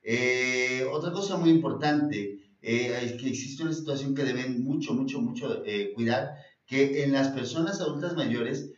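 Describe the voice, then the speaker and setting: Rambling Mexican doctor host, distant roomy sound. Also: male voice, medium pitch, measured pace. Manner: rambling and repetitive, often restarts phrases, fond of saying "eh" and "este". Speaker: naturopathic doctor and show host. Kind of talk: health advice talk show with product pitches. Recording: distant mic in a roomy space, dull sound.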